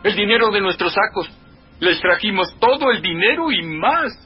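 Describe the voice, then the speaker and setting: An actor playing an anxious, puzzled brother in a Spanish biblical drama, with a husky, raspy voice. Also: male voice, high voice, expressive, moderate pace, lo-fi sound, soft background music, heavily acted. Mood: nervous. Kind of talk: Spanish-language dubbed biblical drama acting.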